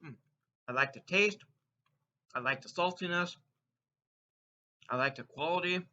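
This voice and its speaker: Speaking a little slowly in a fairly high, sharp-toned voice, this reviewer munches crunchy chips and playfully delivers his verdicts to viewers. The casual taste-test vlog is recorded with dull, muffled lo-fi sound.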